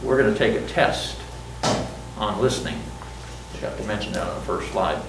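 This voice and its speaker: This older college instructor talks through a mask in a fairly low voice with lively intonation and normal speed. Chatty and self-mocking, he asks the students questions, and the room sound is distant and roomy with background noise.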